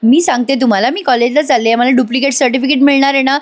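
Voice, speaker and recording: A woman's voice: high-pitched, fast, lightly acted. A woman voicing an earnest young woman in a hurry, sometimes sentimental, in a serial recap.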